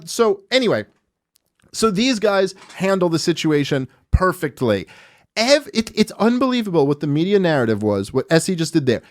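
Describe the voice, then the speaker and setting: A man with a notably high voice hosts a podcast in a fired-up, profane rant. He is in his thirties and talks into a studio mic. He mixes sarcasm with acted-out mocking quotes. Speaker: podcast host. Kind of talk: ranting podcast commentary.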